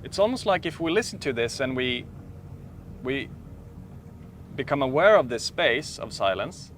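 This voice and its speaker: A man speaking as a meditation teacher, guiding a slow, calm meditation with long pauses. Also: mid-range voice, slight background noise. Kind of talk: guided meditation talk.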